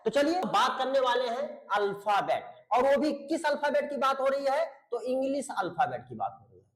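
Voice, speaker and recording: A man's voice: very high-pitched, big pitch swings, brisk, reverberant. A man teaching English grammar in an online video lecture. He explains patiently, repeats his points, checks that students follow, and calls them beta and babu.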